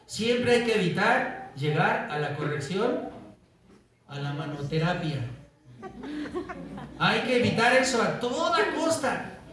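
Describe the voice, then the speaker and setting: A male pastor preaching in a fairly high voice. He tells stories with animation, acts out the voices in them and keeps checking in with his congregation. He is heard from some distance in a strongly echoing church. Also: slow pace, long pauses, a crowd in the background. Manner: animated storytelling, acts out quoted voices, asks "¿verdad?" often. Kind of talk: sermon. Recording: echoey church, voice from off-mic.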